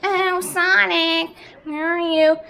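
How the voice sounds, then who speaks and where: Woman voicing a doting hedgehog girl, very high voice, slow, soothing baby talk, plush toy role-play. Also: little pitch movement, creaky, sharp tone, full character voice. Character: doting young female hedgehog, motherly.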